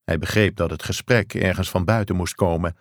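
A man reading a novel aloud as narrator, measured and even. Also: low voice, dry recording, studio quality. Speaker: audiobook narrator. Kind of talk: scripted narration.

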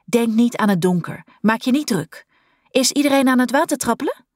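A woman voicing a young swimming teacher calling firm, reassuring instructions across a dark pool. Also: on the high side, lively intonation, normal speed, no room sound, studio quality, voice pushed up. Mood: urgent, commanding. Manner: raised, firm, reassuring commands.

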